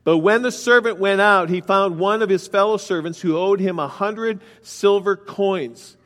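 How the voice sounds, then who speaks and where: A man's voice: high voice, measured pace, fairly bright tone. A man preaching a sermon, explaining scripture verse by verse and asking his congregation direct questions. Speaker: pastor. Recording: long hall reverb.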